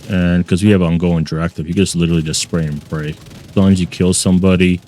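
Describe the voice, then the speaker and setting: A man's voice: sits low, steady tone, fast, warm tone, a little hiss or hum. A man hosting a gaming channel, giving playful gameplay commentary and repeating his catchphrases, recorded at a desk mic in a home gaming setup.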